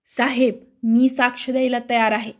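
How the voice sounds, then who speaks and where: A woman's voice: a little high, little pitch movement, normal speed, natural voice. A woman reading the part of a gossipy male schoolteacher neighbor who keeps butting in. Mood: meddling.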